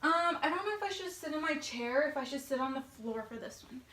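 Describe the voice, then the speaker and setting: A woman's voice: high voice, animated, brisk, pushed and bright, a little hiss or hum. Bubbly woman vlogging in an echoey room. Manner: bubbly, chatty, with fillers. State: out of breath. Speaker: YouTube vlogger. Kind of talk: casual chat to camera. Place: home, indoors.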